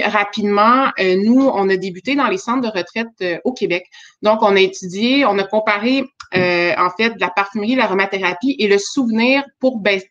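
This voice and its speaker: A woman with a Quebec French accent giving an informal pitch as a start-up presenter. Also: lo-fi sound. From Quebec, Canada.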